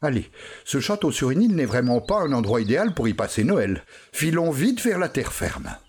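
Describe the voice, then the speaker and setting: A man voicing a small frightened grey she-mouse in a storybook, with a quick, chirpy manner. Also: medium pitch, very animated, a little mellow, slight background noise, pitched above the performer's own voice. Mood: relieved.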